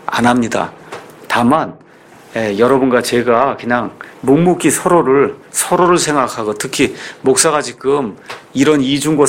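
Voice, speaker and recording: A middle-aged male pastor gives a sermon in a loose, chatty tone, drawing his congregation in with questions. His voice sits at an ordinary pitch. A faint room hum runs under him. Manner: conversational, confiding, rhetorical questions to the congregation.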